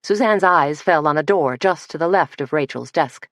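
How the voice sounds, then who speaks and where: A woman narrating an audiobook mystery in a steady, measured reading. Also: deep voice, no echo, clean studio sound. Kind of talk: scripted narration.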